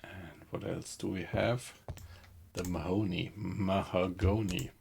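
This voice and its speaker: Guy streaming a game, slow n creaky, thinks out loud, bit of typing noise. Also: deep voice, fairly even intonation. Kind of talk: casual live-stream chat while playing. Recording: background noise with keyboard typing.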